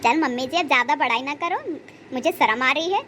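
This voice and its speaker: Woman playing a young daughter-in-law, high voice, protective, scolding, cartoon. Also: fairly quick, bright, forceful tone, slight background noise. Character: young devoted daughter-in-law, quick to anger at husband. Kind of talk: cartoon storytelling dialogue.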